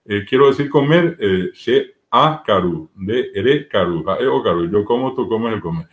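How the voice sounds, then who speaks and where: A man's voice: fairly low pitch, expressive, normal speed, dull audio. A man with a Paraguayan Spanish accent, a language teacher explaining grammar step by step with spoken examples in an interview.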